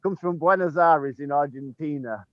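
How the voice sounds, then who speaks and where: Easygoing gardener, dull lo-fi sound. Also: male voice, a little high, moderate pace, no echo. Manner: easygoing, chuckles often, many ums. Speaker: head gardener. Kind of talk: casual garden tour chat. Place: outdoors in a sunny garden. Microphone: handheld phone camera while walking.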